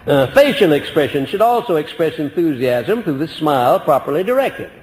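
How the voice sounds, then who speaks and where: A man giving a motivational lecture to a live audience, folksy and emphatic, deliberately swinging his voice up and down. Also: fairly high pitch, sing-song, darkish tone, long reverb tail, poor audio. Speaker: motivational speaker.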